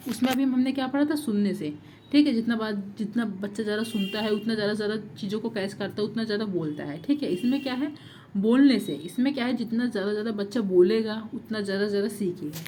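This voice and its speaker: A woman's voice: fairly high pitch, darkish tone, slight background noise. A woman teacher giving an exam-prep lecture, repeating points and asking rhetorical questions. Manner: repetitive, rhetorical questions, frequent 'thik hai'.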